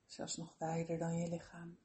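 A woman leading a slow guided relaxation meditation in a soothing, gentle, unhurried manner with long pauses. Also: lowish voice, monotone.

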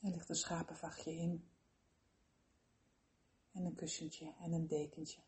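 A woman leading a slow guided relaxation meditation in a soothing, gentle, unhurried manner with long pauses. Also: low voice, flat delivery.

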